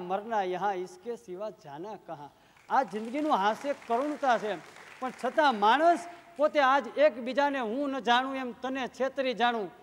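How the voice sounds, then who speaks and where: Guy doing a live comic storytelling show, super high voice, big echoey hall. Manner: lively storyteller, acts out quoted dialogue. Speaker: folk humorist on stage.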